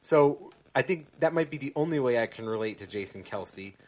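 A man's voice: mid-range voice, expressive, brisk. Wry man breaking down a football game. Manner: analytical, wry. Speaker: podcast co-host. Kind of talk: casual sports chat.

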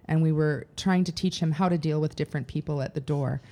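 A middle-aged woman co-hosting a casual advice chat, animated and acting out quoted lines. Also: low voice, brisk. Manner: animated, acts out quoted speech. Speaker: podcast co-host.

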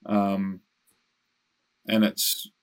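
A man, a cricket coach speaking as a guest in an interview, measured and plain-spoken. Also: fairly low pitch, completely flat delivery, clear, resonant tone. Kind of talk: casual conversational interview.

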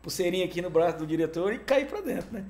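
A man telling a story in a casual interview, animated and peppered with "cara", acting out the other voices in it. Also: high-pitched, quick pace. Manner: animated, fills talk with "cara", acts out quoted dialogue. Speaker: guest, music manager.

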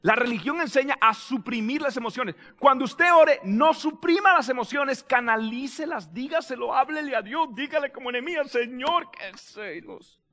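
A man preaching a sermon as pastor, animated and dramatic, acting out prayers and raising his voice to a shout. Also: very high voice, moderate pace, few pauses, long reverb tail.

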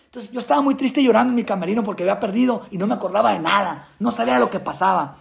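Middle-aged Mexican man, high and very gravelly, animated storyteller who acts out the dialogue. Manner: acts out dialogue with quick voice changes. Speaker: guest, retired boxer.

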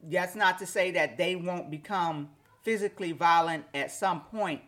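A woman's voice: lowish voice, unhurried, fairly bright tone. A woman hosting a solo podcast, talking casually and reflectively to listeners, with slightly slushy ch and sh sounds from wearing a retainer. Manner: conversational, reflective, addresses listeners directly. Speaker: podcast host. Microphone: microphone with pop filter and windscreen.

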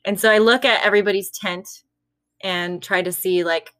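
Young woman, casual spooky storyteller, giggly, mid-pitched, dry close sound. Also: steady tone, moderate pace, fairly bright tone, no echo. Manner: giggly, laughs between sentences. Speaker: storytelling guest.

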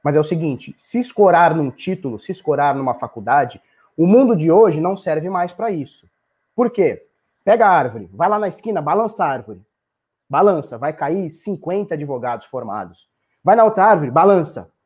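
A man's voice: a little high, sing-song, normal speed, a little mellow, husky. A man in his thirties with a Brazilian Portuguese accent, a live streamer ranting bluntly to his chat, swearing freely and repeating his points, a little tipsy. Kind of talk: casual profane rant.

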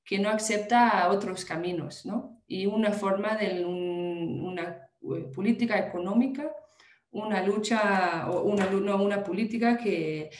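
Here a woman from Denmark, a guest activist, speaks careful Spanish while answering an interviewer in a conversational way. The sound is reverberant; her mid-range voice moves a little slowly, and she hesitates, restarting and using lots of fillers.

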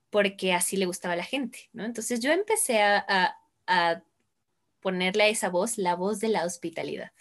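A woman's voice: lowish voice, a bit bright. A woman speaking candidly as a panelist in a discussion, laughing now and then. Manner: candid, laughs while telling anecdotes.

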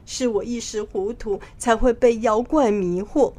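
Ashamed male king, tearful and apologetic, read by a woman narrator, slow and plain. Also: fairly high pitch, a little mellow. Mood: tearful remorse.

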